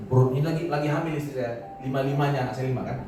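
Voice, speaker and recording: Heard from far off in a big, echoing church hall, this middle-aged pastor from Indonesia speaks rapid-fire at a medium pitch with music behind him. His sermon is casual and chatty, punctuated by little laughs.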